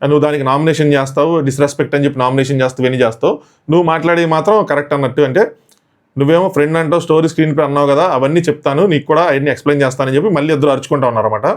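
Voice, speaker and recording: Rapid-fire male show reviewer. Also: fairly high pitch. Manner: breathless storytelling, mixes in English words. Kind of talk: rapid episode recap commentary.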